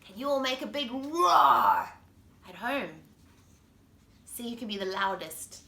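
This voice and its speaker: A South African woman reads aloud from a picture book to kids, engaging them directly with expressive delivery. Her voice runs on the high side, unhurried, pushed and bright. The recording, made indoors in a living room, is echoey with some background noise.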